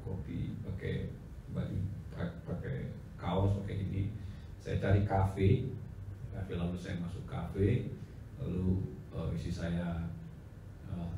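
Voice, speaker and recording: A male pastor telling stories during a church seminar, acting out the dialogue with animated delivery and frequent laughter. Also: sits low, gravelly, recorded from a distance, a little hiss or hum. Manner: animated storyteller who acts out dialogue and laughs. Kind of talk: anecdotal church seminar teaching. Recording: echoey hall recording from afar.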